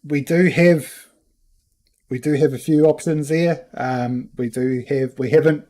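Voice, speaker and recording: A man with a New Zealand accent hosting casually, talking in a halting, unscripted way. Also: on the high side, steady tone, dark tone. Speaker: race series host. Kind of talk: casual unscripted thank-you talk.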